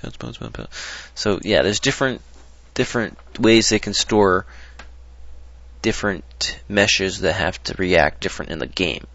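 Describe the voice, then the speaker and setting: Brief: deep, gravelly man, loose rambling tutorial delivery, dull dry lo-fi recording. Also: unhurried, fairly bright tone, no room sound. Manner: rambling, hesitant, lots of ums and restarts. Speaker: modding tutorial presenter. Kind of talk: casual screen-recorded tutorial.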